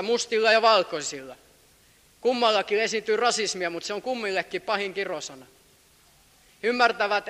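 A man preaching a sermon, shifting from quiet asides to loud shouted passages. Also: high voice. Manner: mimics voices of others mid-sermon. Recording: long hall reverb.

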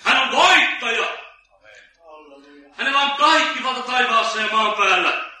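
A man preaching a sermon, slow and emphatic, telling stories with dramatic weight. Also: extremely high pitch, bright, forceful tone. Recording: echoey hall from far off.

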